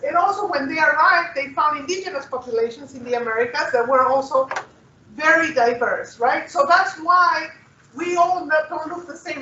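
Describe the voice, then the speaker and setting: Bright, forceful, and high-pitched, a woman from Peru addresses an audience as a guest cultural anthropologist, speaking earnestly, frequently starting over and asking "right?" The dull, roomy recording feels distant and carries a faint hiss or hum.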